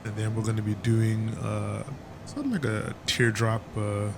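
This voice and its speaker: A man's voice: fairly low pitch, little pitch movement, a little slow, gravelly, noisy background. A man giving casual, chatty commentary over a flight simulator session, stumbling now and then with fillers. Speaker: flight sim YouTuber.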